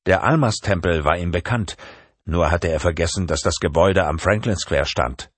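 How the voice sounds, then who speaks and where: A man's voice: low-pitched, normal speed, no echo. A man narrating a thriller audiobook in a tense, dramatic reading.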